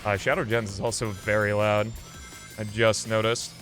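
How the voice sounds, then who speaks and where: A man hosts a livestream, thinking aloud through casual, rambling gameplay commentary. His lowish voice is flat in delivery, at normal speed, with a fairly bright tone, and video game music plays behind him.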